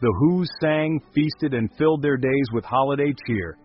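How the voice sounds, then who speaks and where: A man narrating a scripted storybook in an even, smooth manner, over a dull recording with faint music. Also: mid-range voice, normal speed.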